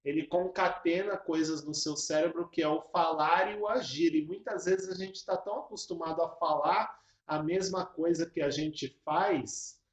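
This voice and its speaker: A man's voice: fairly high pitch, fairly even intonation, moderate pace, few pauses. A man explaining a children's rhythm game step by step, teaching music to early-years teachers. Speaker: music educator. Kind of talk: casual teaching video. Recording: echoey room.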